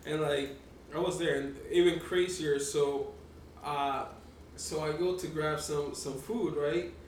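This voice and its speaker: A man's voice: a little high, steady tone, slow pace, recorded from a distance. A man telling a story in casual podcast chat, rambling, swearing and laughing often. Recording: echoey room, off-mic, faint noise.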